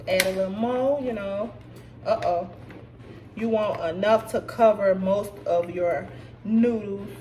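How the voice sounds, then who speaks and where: Cooking at home for her vlog, a woman in her thirties who's had a little to drink talks casually to "y'all" as she goes through a recipe. She speaks slowly in a warm, medium-pitched voice. It's recorded on a camera mic set back at the counter, with room noise audible.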